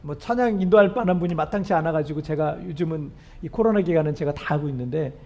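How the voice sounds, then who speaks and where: This male pastor is a fast talker with a slightly mellow tone, preaching earnestly and emphatically while questioning the congregation. His voice is hoarse and weakened and breaks on high notes.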